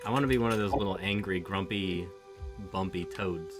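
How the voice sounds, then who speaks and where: A man's voice: sits low, moderate pace, over music. A man playing in a tabletop game, reading out his abilities in a hesitant way with lots of ums and a few jokes. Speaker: player. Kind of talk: casual chat during a game session.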